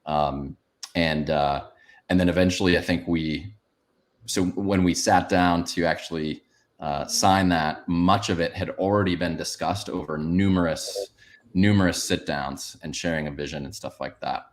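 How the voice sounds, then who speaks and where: Brief: male founder on a panel, very deep voice, halting and rambling. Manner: rambling, many restarts and "um"s. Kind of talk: panel discussion answer.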